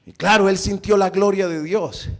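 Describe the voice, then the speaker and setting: A male pastor preaching a sermon, telling a story with animated delivery. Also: high-pitched, normal speed.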